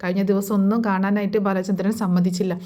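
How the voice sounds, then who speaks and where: A woman casually retelling a TV serial episode in a rapid, chatty storytelling manner with frequent fillers. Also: medium pitch, flat delivery, warm tone. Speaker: serial recap narrator.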